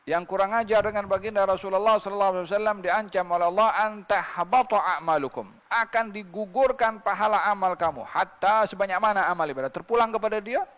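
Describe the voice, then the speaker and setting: A man's voice: high-pitched, fast, a bit bright, big-room sound. A man preaching a religious sermon, reciting scripture in Arabic and asking his listeners rhetorical questions.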